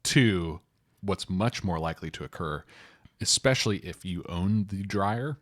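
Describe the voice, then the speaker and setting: A man in his thirties co-hosts a casual advice podcast, talking loosely with plenty of asides. His voice sits very low, recorded close and dry with no room sound. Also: expressive, measured pace, dry recording. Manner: loose and conversational, full of "like" and asides. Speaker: podcast co-host, property manager.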